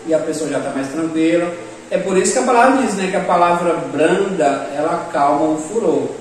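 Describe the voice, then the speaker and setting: High-voiced man teaching in an echoey room. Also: a little fast. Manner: animated, acts out quoted dialogue. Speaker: church leadership teacher. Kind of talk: casual classroom lesson with discussion. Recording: echoey room, distant mic, faint noise.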